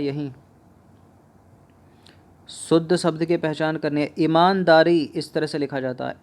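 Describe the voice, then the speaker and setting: A man in a slow, patient teaching delivery with a slightly raised voice. He drills exam spelling, saying each word over and over as he corrects it. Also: fairly high pitch, darkish tone. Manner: slow, repeats each word several times while explaining. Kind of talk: spoken Hindi spelling lesson.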